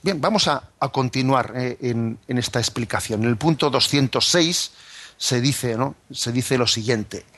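A man's voice: mid-range voice, measured pace, a bit bright, no room sound. A man explaining scripture as a catechism teacher, speaking thoughtfully with frequent tag questions and fillers.

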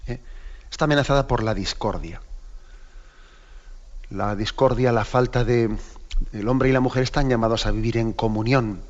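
Man from Spain teaching catechism, slightly dull recording. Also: mid-range voice. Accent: Spain Spanish. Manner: conversational, with frequent tag questions to listeners. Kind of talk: catechesis talk.

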